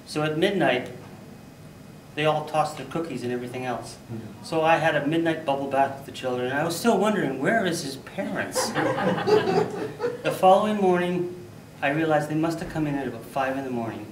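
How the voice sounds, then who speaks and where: A man giving a humorous storytelling speech at a contest, animated, with loud bursts for sound effects. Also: fairly high pitch, normal speed, crowd noise. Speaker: contest speaker. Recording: echoey hall, mic from far off.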